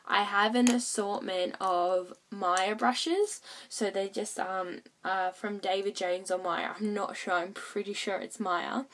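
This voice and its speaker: Croaky woman with a cold. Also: mid-range voice, a bit bright. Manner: hesitant, many fillers. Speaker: beauty vlogger. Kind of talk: casual makeup tutorial.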